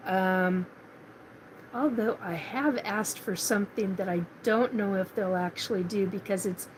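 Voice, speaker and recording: The speaker, a middle-aged woman from Washington State, chats casually during a live paranormal stream, rambling with frequent fillers and restarts. Her mid-range voice moves a little slowly, over a low-quality recording with a bit of hiss or hum.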